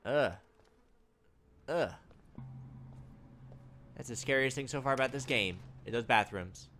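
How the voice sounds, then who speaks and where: A man's voice: medium pitch, fairly quick, bright, forceful tone, slight background noise. A young adult man giving casual let's-play commentary, chatty and wry, muttering to himself. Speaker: gaming YouTuber.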